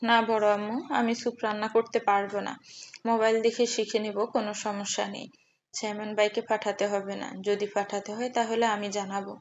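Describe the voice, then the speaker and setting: A woman voicing a young woman who pleads gently and insistently with a sick man. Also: medium pitch, flat delivery, normal speed, lo-fi sound, slight background noise, natural voice. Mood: pleading.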